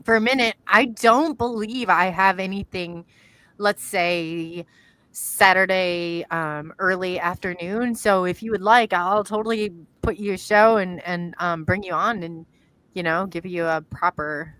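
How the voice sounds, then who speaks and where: Over a video call, a middle-aged Iowan woman hosts a podcast-style live-stream chat, rambling and trailing off while she works the screen. Her voice sits on the low side, steady and fairly bright, a little slow. The recording is rough with no room sound.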